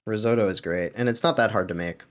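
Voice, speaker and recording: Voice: mid-range voice, fast. A podcast co-host chatting casually, rambling and laughing easily.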